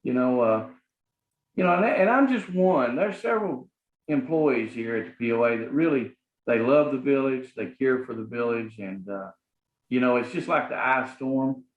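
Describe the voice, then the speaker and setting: A man's voice: mid-range voice, normal speed. A middle-aged man with a Southern US accent, talking earnestly as an interview guest, rambling with lots of fillers. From Arkansas, US. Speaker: guest, property manager. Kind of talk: casual interview talk. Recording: echoey, phone-like sound.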